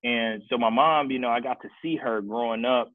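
On a dry, tinny, phone-like recording, a podcast guest from Kansas City, Missouri chats casually through his life story. He speaks fairly quickly in a mid-range voice and restarts many times.

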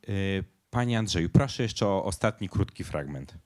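A man moderates a book launch. He speaks hesitantly, with frequent fillers. His voice sits low. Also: lively intonation, normal speed, darkish tone.

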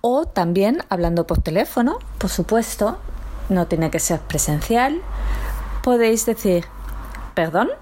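A woman with a Spain accent teaching a patient radio language lesson and explaining slowly with examples. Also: mid-range voice, sing-song, dark tone, a little hiss or hum. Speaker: Spanish teacher and radio host.

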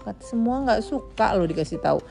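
A woman's voice: mid-range voice, expressive, a little fast, gravelly, mellow, soft background music. A mother reading a children's storybook aloud to her child, adding playful asides as she goes.

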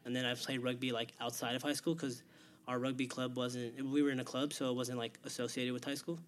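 A young man chats about his sports background in a rambling way, full of fillers. He talks fast, at an ordinary middle pitch. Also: little pitch movement, a little hiss or hum. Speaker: guest rugby player. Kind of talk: casual interview chat.

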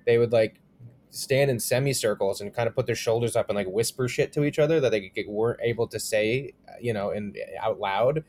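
A young adult man, a comedian co-hosting a podcast, telling stories in an animated way and swearing freely. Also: lowish voice, a little fast, slight background noise. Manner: animated storytelling, swears often. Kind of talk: casual chat.

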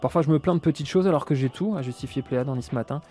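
Male football pundit, rapid delivery, mellow tone, punchy storytelling. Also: fairly high pitch, soft background music. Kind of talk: scripted narration and argument.

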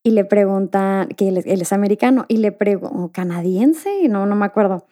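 A woman from Mexico with a Mexican accent, hosting an interview podcast in a relaxed, chatty way. She laughs often and uses fillers like "como que". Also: medium pitch, moderate pace. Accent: Mexican Spanish. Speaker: podcast host. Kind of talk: casual interview chat.

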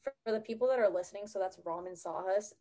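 A teenage girl casually recounting school memories to friends, animated when retelling. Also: medium pitch, fast talker. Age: teens. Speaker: student in group chat. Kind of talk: casual chat.

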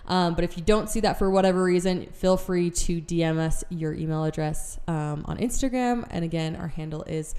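A woman's voice: on the low side, moderate pace, hardly any pauses, mellow. A young woman hosting a podcast in casual chat, bubbly and gushing, with lots of filler words. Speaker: podcast host.

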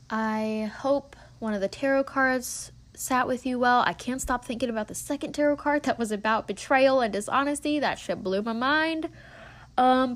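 A woman in her twenties hosting a casual solo podcast, talking earnestly and encouragingly with lots of filler words. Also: medium pitch. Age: 20s. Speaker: podcast host.

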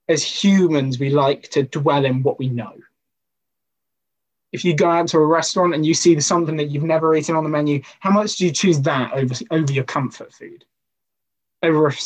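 A man preaches in an easy, conversational way. His voice is husky and slightly hoarse-edged, and it sits at an ordinary middle pitch. He leans on rhetorical questions and personal stories. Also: rough recording. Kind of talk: informal sermon talk.

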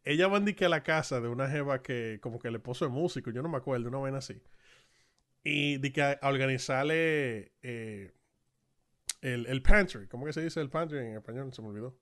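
A man with a Dominican Spanish accent, co-hosting a casual chat and telling stories in a lively, slangy way. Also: medium pitch, brisk. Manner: animated storyteller, slangy. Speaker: podcast co-host.

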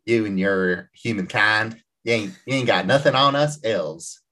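A man voicing a boastful, territorial old male country elf, speaking gruffly in a put-on rural British accent. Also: lowish voice, a little slow, pushed and bright. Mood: scornful.

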